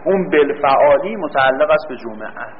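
A man's voice: medium pitch, lively intonation. A man giving a grammar lecture, quizzing the class with questions and answering them himself, stretching out key words. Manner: drawn-out stress on key words. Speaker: teacher. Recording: dull lo-fi recording with faint room hum.

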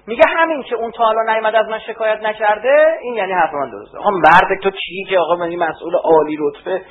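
A man giving a religious lecture, animated and rising to emphatic outbursts. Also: sits high. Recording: tinny phone-like band with faint hum.

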